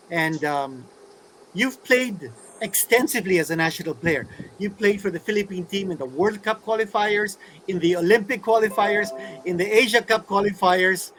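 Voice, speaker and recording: Male co-host with a high voice, chatty interview style, faint hiss behind. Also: fairly bright tone, rough recording. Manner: conversational, fills with "um" and "uh". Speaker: talk show co-host. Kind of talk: hosting an interview.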